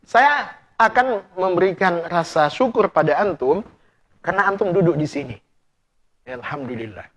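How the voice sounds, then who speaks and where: A male preacher giving a lively, playful premarital class sermon, addressing the audience directly and testing them with questions. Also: sits high, normal speed, pauses often. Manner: animated, playful, acts out couple dialogue in hushed voices.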